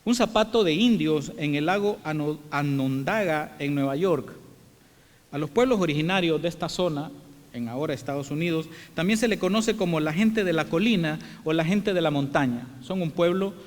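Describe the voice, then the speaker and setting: High-pitched guy giving a welcome speech in a big echoey theatre, calm and reflective. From El Salvador. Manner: measured, reflective storytelling. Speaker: congress president giving welcome address. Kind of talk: formal speech. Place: large theatre hall. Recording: long hall reverb.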